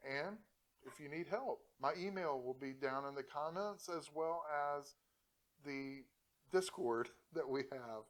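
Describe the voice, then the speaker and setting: A man's voice: medium pitch, a little slow, rough recording. A man hosting a PC-building tutorial, talking casually to the camera, joking and laughing often while encouraging viewers. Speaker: host of a PC-building channel.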